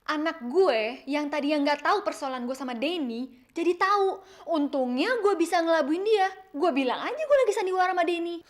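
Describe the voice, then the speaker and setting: A woman's voice: very high voice, animated, fairly quick. An actress playing a frustrated, scheming mother in a TV soap, talking in exasperated colloquial slang. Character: frustrated scheming mother rejected by the man she wants. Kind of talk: Indonesian TV soap drama acting.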